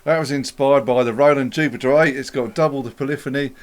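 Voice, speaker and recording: A man's voice: mid-range voice, fairly even intonation, fast talker. A man co-hosting a casual gear chat, explaining things steadily, with many ums. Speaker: co-host.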